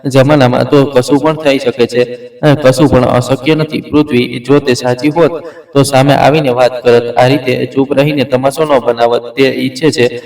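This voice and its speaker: A man's voice: medium pitch, fairly even intonation, moderate pace, darkish tone, lightly acted. A man doing a sly, sugary scheming mistress. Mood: taunting. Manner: sugary, taunting and manipulative. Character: scheming, sly young mistress with a poisonous sweetness. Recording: roomy, distant mic.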